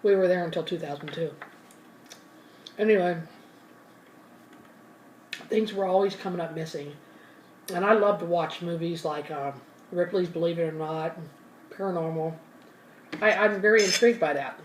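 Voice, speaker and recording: A woman's voice: on the low side, normal speed, pauses often, far from the mic, slight background noise. A woman hosting an ASMR channel, telling a story in a casual, rambling way while eating, sometimes talking with her mouth full and correcting herself. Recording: roomy and from the mic, faint ambience.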